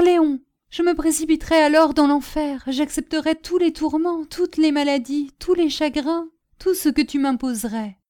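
A woman's voice: sits high, warm tone, voice pushed up, close to an everyday voice. A woman voicing a passionate young courtesan, pleading and crying out with raised, urgent intensity. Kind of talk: audiobook character reading.

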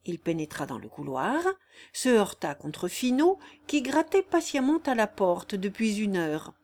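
A woman reading an audiobook aloud with dramatic, expressive narration. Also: mid-range voice.

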